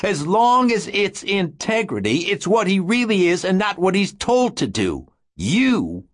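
A man voicing a big, agitated, blustering man who talks in a husky, urgent voice. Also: a little high, sing-song, normal speed, voice pushed up. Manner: shouting, urgent, withering.

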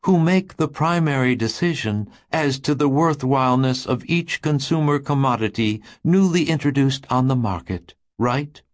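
A placid, smooth-spoken telepathic voice coming from a toy maze in an audiobook, put on by a male narrator. It sits noticeably higher than a plain speaking voice and has a slightly distant, hollow sound. It talks calmly, like a polite salesman. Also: moderate pace, few pauses, close to an everyday voice.

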